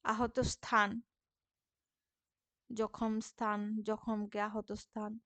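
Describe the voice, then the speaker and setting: A woman teacher patiently explaining a textbook lesson, checking in often and sounding out syllables slowly. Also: medium pitch, level tone, fairly bright tone, no echo. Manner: patient, checks understanding with frequent "okay?".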